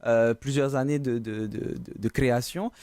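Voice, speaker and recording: A man hosting a television interview, asking relaxed, encouraging questions with frequent hesitations. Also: medium pitch, moderate pace, no echo, clean studio sound.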